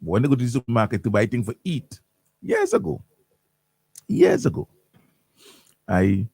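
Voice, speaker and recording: A man's voice: deep voice, warm tone, breathy edge, dry recording. A man hosting morning radio talk, ranting animatedly with lots of repeats and restarts in a studio. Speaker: radio host.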